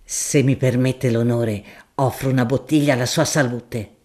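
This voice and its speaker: A woman voicing a hearty, plain-spoken middle-aged male grocer, speaking slowly in a lowered voice with dialect-tinged words. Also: steady tone, mellow. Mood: insistent, jovial.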